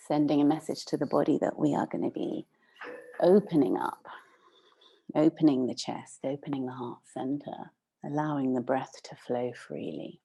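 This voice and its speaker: Creaky around the edges but deep and relaxed, a woman's voice guides a meditation at an easy pace, offering soft instruction as a meditation teacher.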